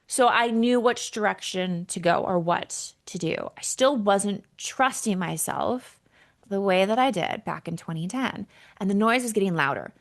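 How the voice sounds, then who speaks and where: A woman's voice: medium pitch, fairly bright tone. A woman in her thirties, a podcast host and entrepreneur, telling her personal story in a candid, casual way with the odd swear word.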